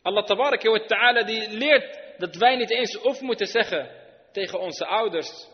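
At a normal speed, a man with a high voice preaches an Islamic sermon, earnestly explaining points and mixing in Arabic phrases. Recorded in a reverberant hall, the audio is dull and lo-fi with a long reverb tail.

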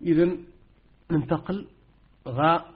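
A man's voice: on the high side, takes it slowly, breathy edge, phone-quality sound. A man with a Moroccan accent teaching Quran recitation rules to students, hesitant with many fillers and repetitions. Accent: Moroccan Arabic. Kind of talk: informal rules lesson with students.

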